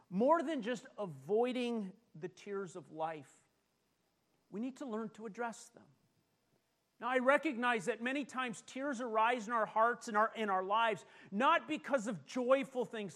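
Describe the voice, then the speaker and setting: A middle-aged man preaching a sermon, animated and self-deprecating as he tells personal stories. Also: very high voice. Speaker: pastor.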